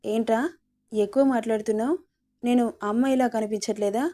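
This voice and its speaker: A woman's voice: fairly high pitch, steady tone, a little fast, mellow, lightly acted. A woman voicing a scolding but affectionate young wife in a storybook reading, exasperated and pleading.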